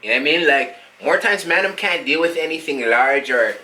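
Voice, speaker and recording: A man's voice: fairly high pitch, animated, a little fast, pushed and bright, rough recording. A man playing a rambling street rapper. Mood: boastful. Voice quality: slang-heavy rambling with endless filler tags. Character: cocky young male street rapper, rambling, aloof. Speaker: musician being interviewed. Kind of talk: comedy sketch.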